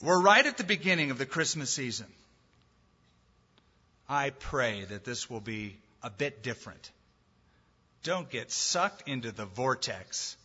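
A man's voice: mid-range voice, big pitch swings, measured pace, long pauses, bright, forceful tone, breathy edge, in a large hall, dull audio. A male pastor preaching emphatically, asking the congregation questions and ending in prayer. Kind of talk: sermon and closing prayer.

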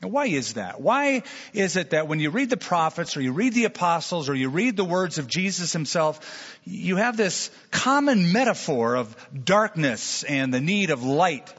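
A man's voice: fairly high pitch, sing-song, normal speed, fairly bright tone, slightly rough, in a large hall, dull audio. A man preaching a sermon as pastor, telling stories and acting out imagined voices to make his point.

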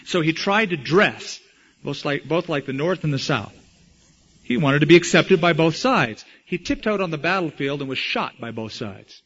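A man preaching a sermon, dramatically acting out the quoted lines with big swings in loudness. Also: a little high, expressive, normal speed, breathy edge, highs cut off. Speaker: pastor.

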